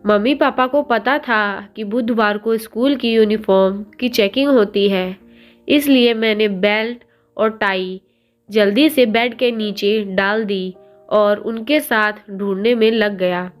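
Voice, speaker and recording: A woman's voice: mid-range voice, slow pace, faint music behind, natural voice. A woman voicing a teenage schoolboy who pleads with his sister-in-law in a choked, sobbing voice, in a storybook reading. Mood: pleading.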